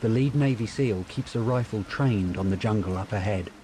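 A man reading scripted audio description for a film in a measured, descriptive manner. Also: lowish voice, mellow, a little hiss or hum.

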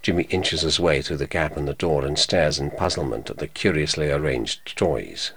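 A man narrating an audio description in a measured, neutral manner. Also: rumbling low, fairly bright tone, a little hiss or hum. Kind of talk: scripted narration.

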